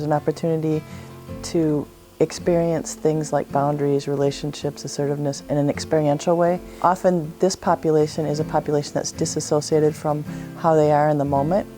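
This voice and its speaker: A woman equine therapist with a low, mellow voice gives explanatory interview talk. She speaks earnestly and reflectively, telling stories with quoted dialogue.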